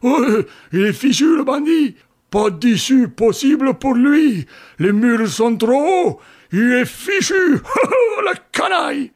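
A man voicing a greedy, hot-tempered old farmer in an audiobook, talking loudly and exclaiming. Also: very high voice, sing-song, slow pace, pitched above the performer's own voice, heavily acted. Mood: furious. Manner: loud, blustering, exclaiming. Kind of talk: audiobook character voice.

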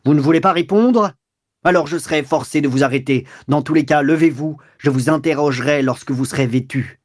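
A man's voice: on the high side, fairly quick, close to an everyday voice. A man reading aloud, voicing a stern middle-aged police commissioner who speaks formally and commandingly. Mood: stern official. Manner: formal, commanding, rising to sharp outbursts.

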